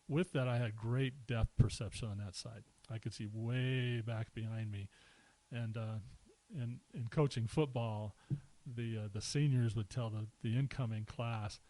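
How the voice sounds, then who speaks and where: A man's voice: mid-range voice, no room sound, low-quality recording. Middle-aged man telling personal stories. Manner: relaxed anecdotes with chuckles and acted-out quotes. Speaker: podcast guest. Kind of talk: casual storytelling.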